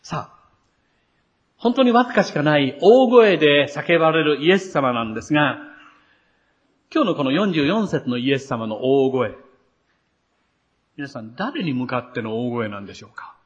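A man preaching a sermon to his congregation in an earnest, expressive way, building to emphatic passages. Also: a little high, normal speed, long pauses, highs cut off. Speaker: pastor.

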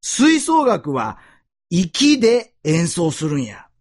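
Guy putting on a stern old-school band teacher, osaka dialect, husky and gruff. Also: sits high, wildly swooping pitch, takes it slowly, exaggerated voice.

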